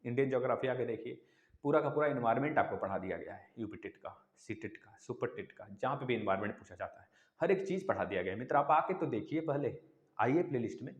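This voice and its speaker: A man teaching an online exam-prep lesson, animated, sounding out letters aloud and calling his listeners friends. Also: mid-range voice, fast, highs cut off. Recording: echoey room with long reverb.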